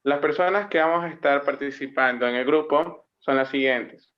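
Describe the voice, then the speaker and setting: A male student giving a class presentation, explaining grammar rules and slowing down to read out example words. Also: on the high side. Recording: muffled lo-fi recording.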